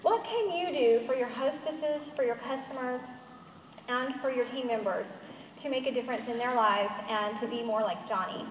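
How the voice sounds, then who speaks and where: A woman's voice: a little high, steady tone, moderate pace, slight background noise. A woman giving an earnest, emotional motivational talk at a conference, telling a story. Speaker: conference speaker. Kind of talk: motivational presentation. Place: large conference hall. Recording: echoey hall, far from the mic.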